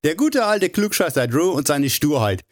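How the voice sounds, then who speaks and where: A man voicing a calm, stocky male mechanic who teases his friend between laughs. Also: a little high, normal speed, no echo, studio quality, pitched above the performer's own voice. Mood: amused. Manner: laughing, ribbing.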